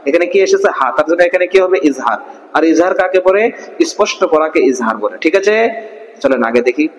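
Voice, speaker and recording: Poor audio with big-room, roomy sound carries a man's slightly high, animated voice as he leads an online Quran recitation class. He poses questions and answers them himself, stretching out verses syllable by syllable.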